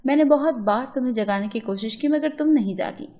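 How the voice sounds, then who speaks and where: A woman's voice: sits high, a little fast, dull audio, natural voice. A woman voicing a stern, secretive middle-aged mother who scolds her daughter curtly in a storybook reading. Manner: curt, scolding.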